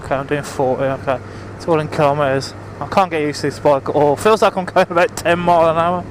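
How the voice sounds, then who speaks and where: Riding a motorbike on the road, a male vlogger raises his voice over the engine to chat casually with viewers, rambling and apologetic. His pitch is on the high side, his tone steady, his pace fast. The helmet mic, visor open, also catches engine, wind, and traffic noise.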